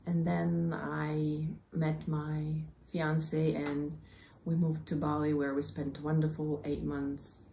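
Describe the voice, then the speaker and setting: A Russian-accented woman in her thirties hosts a crafting podcast, chatting to the camera in a friendly way and gesturing with both hands from a small room at home, captured on the camera mic. She speaks slowly in a low, monotone, creaky yet mellow voice, and the low-quality recording carries slight background noise.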